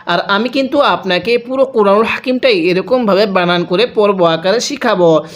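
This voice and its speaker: A high-pitched man with a Bangladeshi Bengali accent teaches Quran reading, patiently explaining each rule before slowly reciting the words with drawn-out sounds.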